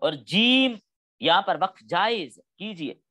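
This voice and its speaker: A man's voice: high voice, expressive, slow pace, sharp tone. A middle-aged man teaching a class on Quran studies, explaining patiently step by step and acting out spoken examples. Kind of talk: classroom lecture.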